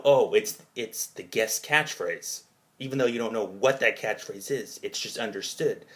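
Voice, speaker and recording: A man recounting his own dream in a rambling, halting way, hazy and puzzled as he gropes for details and rephrases himself. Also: on the low side. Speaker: narrator of own dream journal.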